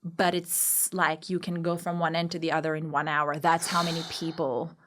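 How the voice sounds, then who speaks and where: Speaking at normal speed in a low, slightly bright voice with little pitch movement, a Karachi-born Pakistani woman tells her own story as a podcast guest. The candid interview is reflective, emphatic and articulate, with slight background noise.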